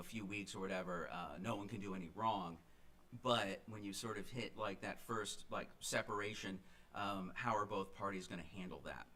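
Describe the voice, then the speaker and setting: A man's voice: lowish voice, fairly bright tone, a little hiss or hum. A middle-aged man, a singer-songwriter, telling the story behind a song between numbers of a livestream concert, rambling with many fillers and restarts. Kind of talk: casual storytelling between songs.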